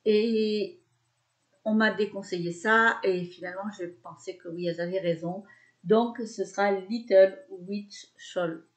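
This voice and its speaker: A woman's voice: mid-range voice, fairly even intonation, unhurried. A woman in her thirties hosting a knitting podcast in a casual, chatty way, hesitating often with fillers and restarts. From France. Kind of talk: casual chat.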